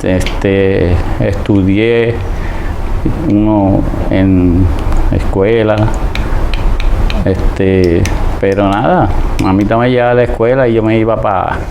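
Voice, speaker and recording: Older man from Chile, retired jockey type; low voice, hesitant storytelling over background noise. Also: fairly even intonation. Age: 60s. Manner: slow, halting with many fillers and restarts. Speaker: guest, retired jockey and horse trainer. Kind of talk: casual interview storytelling.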